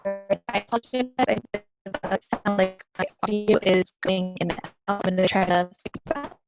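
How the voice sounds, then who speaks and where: A woman medical student giving an online conference talk in a halting way, her voice on a video call with corrupted, glitchy audio that keeps cutting in and out. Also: mid-range voice, lo-fi sound, music in the background. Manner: halting, with many fillers. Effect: corrupted, glitchy audio that cuts in and out.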